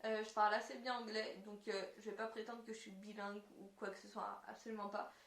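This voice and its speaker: A woman co-hosting a casual chat, talking loosely with many fillers and pauses. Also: medium pitch, level tone, a bit bright. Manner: chatty, heavy on fillers like "donc, euh, du coup". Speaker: co-host. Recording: roomy echoey sound.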